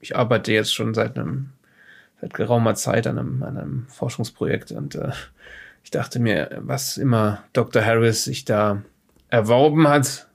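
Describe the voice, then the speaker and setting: In an improvised audio drama, a male actor with a gravelly, medium-pitched voice plays a peevish, well-off scholar who survived a flood. At normal speed he sounds guarded and explanatory, hesitant, fussy and snobbish.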